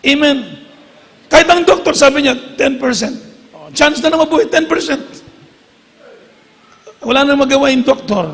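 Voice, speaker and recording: A woman's voice: high-pitched, moderate pace, pauses often. A middle-aged woman preaching a fervent sermon in a church, calling again and again for amens and applause and mixing English scripture lines into her words. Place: church hall. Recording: long echo of a church hall.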